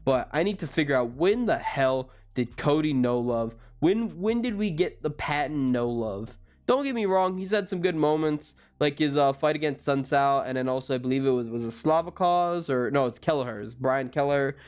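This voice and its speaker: A man's voice: fairly high pitch, lively intonation, normal speed, few pauses. A young man in his twenties, rambling through casual fight predictions with lots of self-corrections. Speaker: MMA fight previewer.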